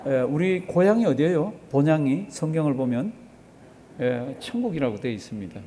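Slightly high and sing-song, this warm male voice moves at a moderate pace against slight background noise. He's a pastor giving a conversational sermon, asking his congregation rhetorical questions, drawing responses, and repeating phrases to drive points home.

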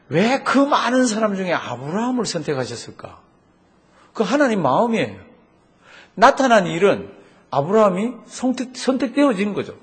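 A middle-aged man preaching a sermon as pastor, animated, asking the congregation rhetorical questions and acting out quotes. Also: high-pitched.

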